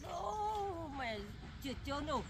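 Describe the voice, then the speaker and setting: A woman's voice: very high voice, expressive, slow, gravelly, full character voice. An older woman playing a frail mother-in-law who pleads plaintively and complains of aching legs and back. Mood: pained. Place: outdoors in a rural field. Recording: loud outdoor noise.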